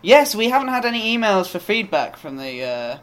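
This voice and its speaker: A young man in his twenties co-hosting a podcast, chatty and quick to laugh, with a few ums along the way. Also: high-pitched, big pitch swings, a bit bright. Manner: chatty, laughs often, hesitant with fillers. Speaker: podcast co-host. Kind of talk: casual chat.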